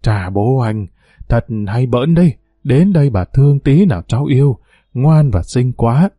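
Doting old grandmother, coaxing , a man voicing her with little change; warm dry read. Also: mid-range voice, lively intonation, measured pace, husky, no room sound.

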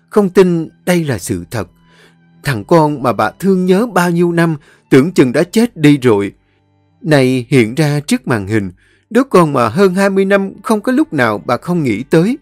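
A man narrating an audiobook story in a steady, earnest way. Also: a little high, normal speed, no echo, soft background music.

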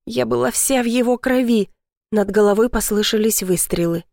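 A woman's voice: fairly high pitch, normal speed, vocal fry, a little mellow, dry recording, clean studio sound. A woman narrating a tense first-person story as an audiobook reader, giving the dialogue in a dramatic voice.

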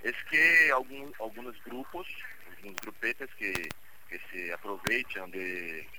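A man's voice: fairly low pitch, heavy background noise. A man with a Brazilian accent, a native Portuguese speaker, giving commentary as a guest journalist in a second language and searching for his words. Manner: halting, searching for words in non-native Spanish. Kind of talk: live radio interview commentary.

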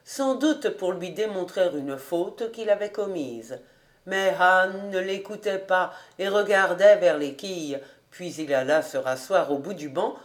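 A woman reading a classic novel aloud as an audiobook narrator, with an expressive delivery. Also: fairly low pitch. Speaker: audiobook reader.

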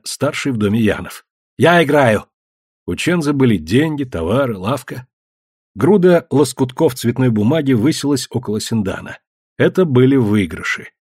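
With a husky voice and a pitch that swings widely, a man narrates an audiobook in a dramatic, expressive style. The sound is close and dry, free of any echo or room sound.

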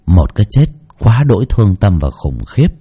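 Husky, mellow male storyteller. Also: low-pitched, normal speed. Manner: expressive, mocking asides. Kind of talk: scripted narration of a spooky folk story.

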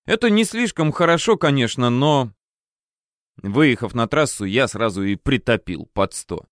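A man narrating a first-person story in a measured, wry storytelling manner. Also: mid-range voice, animated, no room sound, studio quality.

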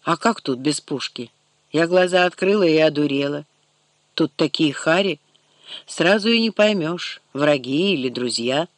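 A man puts on a sharp-tongued young woman, stubborn and sarcastic, pitched a little higher than usual. The read is dry and close to the mic. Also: animated, unhurried, no echo. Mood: wary.

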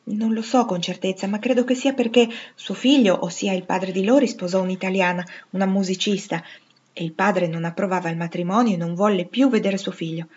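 A woman voicing a gentle, wise mother who explains things calmly. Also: medium pitch, fairly quick, husky, muffled recording, close to an everyday voice. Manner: calm, explanatory.

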